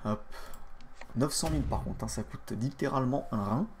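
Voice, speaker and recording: A man's voice: medium pitch, normal speed, a little mellow, slight background noise. A man streaming a board game online, casually commenting and mocking the other players with crude trash talk, often muttering under his breath.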